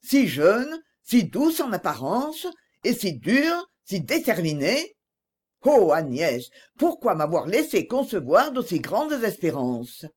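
A woman's voice: medium pitch, very animated, slow, a little mellow, slightly rough, exaggerated voice. A woman reading an audiobook voices a passionate young man who speaks reproachfully.

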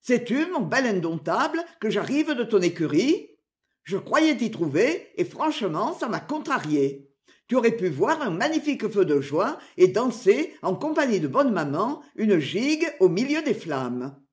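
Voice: medium pitch, sing-song, measured pace. A woman reading a storybook aloud, voicing a brutal male sergeant who taunts with sneering mockery.

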